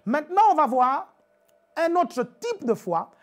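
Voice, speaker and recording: A woman preacher giving a live-streamed teaching sermon, chatty and animated, laughing often and repeating calls to her viewers. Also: high-pitched, unhurried.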